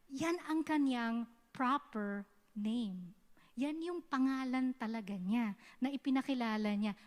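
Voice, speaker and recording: A youth service speaker, a Filipino woman with a slightly high voice, gives a conversational Taglish sermon in a church hall, frequently checking in with listeners by asking "diba?" A long reverb tail trails her words.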